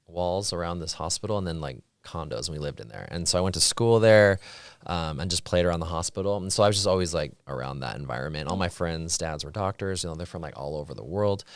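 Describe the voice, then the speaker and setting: A man in his thirties talks fast and loosely, leaning on filler words as a guest on an interview show. His voice sits very low. The sound is dry and close. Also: lively intonation, no echo. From Utah, raised partly in Saudi Arabia. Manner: chatty, many "like" and "you know" fillers. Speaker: plastic surgeon guest. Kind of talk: casual interview chat.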